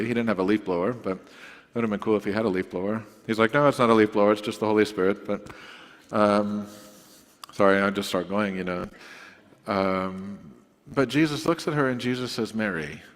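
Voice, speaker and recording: A man preaching a sermon as pastor in a relaxed, conversational way, drifting into playful asides. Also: lowish voice. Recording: long hall reverb.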